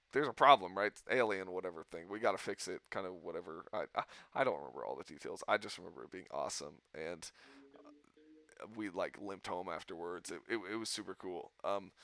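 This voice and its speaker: Bright-voiced man telling a rambling story. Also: sits low, expressive, moderate pace, creaky, dry recording, clean studio sound. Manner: rambling storyteller, laughs often. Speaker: podcast host. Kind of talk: casual chat.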